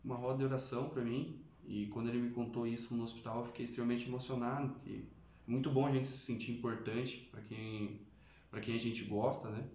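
A young man telling his personal testimony in a halting, earnest way, with many restarts. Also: mid-range voice, little pitch movement, darkish tone, echoey room, muffled recording, slight background noise. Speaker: testimony giver.

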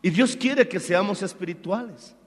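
High-voiced fervent man preaching in a church. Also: moderate pace. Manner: fervent preaching, swings from shouts to hushed asides. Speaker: pastor. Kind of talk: sermon. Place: church hall. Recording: hall reverb with faint music.

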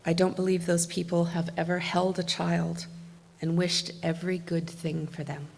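A woman giving an earnest, reflective inspirational talk in measured phrases. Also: lowish voice, little pitch movement, vocal fry, husky, long reverb tail. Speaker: speaker leading a reflective gathering.

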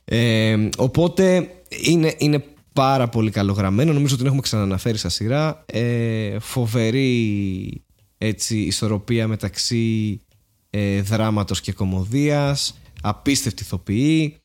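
A man, chatting casually as a podcast co-host, rambling and animated, with many fillers and restarts. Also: lowish voice. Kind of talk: casual chat.

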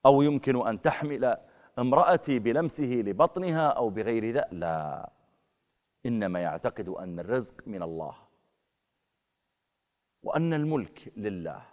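A man preaching a sermon, rising sharply and forcefully on key phrases. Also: medium pitch. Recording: long hall reverb.

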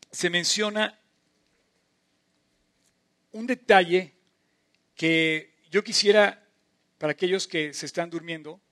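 High-voiced preacher, impassioned. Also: male voice. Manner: impassioned, swings between loud emphatic bursts and soft drawn-out phrases. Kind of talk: sermon.

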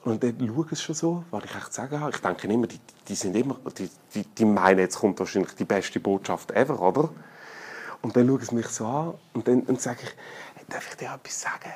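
A middle-aged man with a Swiss German accent preaching a sermon in a colloquial, humorous way, swinging between loud calls and hushed, intimate tones. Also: lowish voice, lively intonation, brisk, slightly rough.

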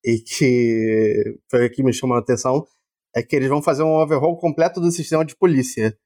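A man with a Brazilian Portuguese accent joins a casual chat about games. He talks in a relaxed way and drops swear words freely. His pitch is middling for a man. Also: brisk. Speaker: podcast co-host.

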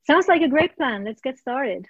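A woman's voice: high-pitched, expressive, moderate pace, husky, dry recording, dull audio. A woman from Morocco answering interview questions, speaking with many fillers and repeated words. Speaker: guest, startup founder. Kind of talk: interview conversation.

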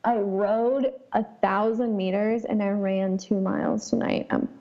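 A woman's voice: mid-range voice, fairly even intonation, unhurried, dull audio. A tired woman co-hosting a podcast, laid-back with short replies and fillers. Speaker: podcast co-host. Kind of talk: casual chat.

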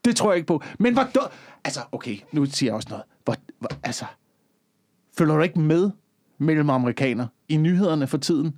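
A man's voice: on the high side, expressive, darkish tone, no echo. A man co-hosting a casual podcast, rambling through stories with a lot of casual swearing. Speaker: podcast co-host.

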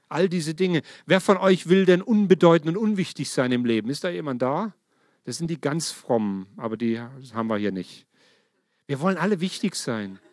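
A middle-aged man preaching a lively sermon, speaking directly to his congregation with emphatic, varied delivery. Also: mid-range voice, no room sound, studio quality.

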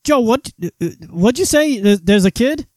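A man hosting a political commentary monologue, mocking and animated, often stumbling and restarting his sentences. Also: very high-pitched, normal speed, no room sound. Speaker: host.

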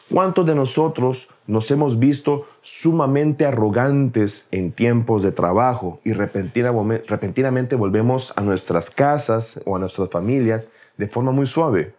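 A man giving a calm, measured explanatory talk on faith, speaking reflectively and addressing the listener directly. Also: medium pitch.

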